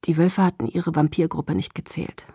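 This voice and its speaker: A woman reads a novel aloud in the first person, soft and hushed, sometimes near a whisper. Her voice is low, mellow and breathy. The sound is close and dry. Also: normal speed, no room sound. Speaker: audiobook narrator.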